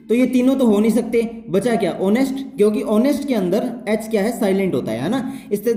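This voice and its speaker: A man's voice: high voice, warm tone. A man teaching reasoning for exams at a whiteboard. He works through each step and keeps checking that the viewer is following. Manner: step-by-step explaining, keeps checking with "theek hai". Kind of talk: whiteboard exam-prep lesson. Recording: echoey room with faint noise.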